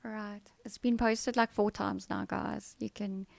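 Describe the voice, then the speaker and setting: Here the streamer's voice is creaky and medium-pitched, steady and measured, with no echo in the recording. She chats with viewers in a soothing, playful way, answering their comments and saying a firm no again and again.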